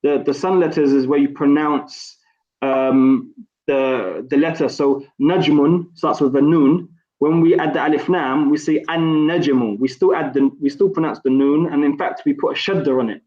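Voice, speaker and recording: A fairly high-voiced man teaches an online Arabic class and walks students patiently through each point. His voice sits in an echoey room and the sound is slightly dull. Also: steady tone, normal speed. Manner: patient, encouraging, explains step by step.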